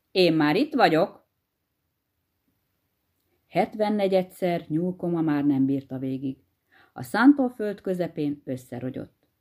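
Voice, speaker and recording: A woman reading a fairy tale aloud, lively and expressive as a storyteller. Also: fairly low pitch.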